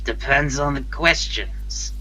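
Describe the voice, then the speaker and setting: A man voicing a gruff, wary, wrinkly old man with a raspy voice in a tabletop game. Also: mid-range voice, slow, sharp tone, heavily acted, poor audio. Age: older.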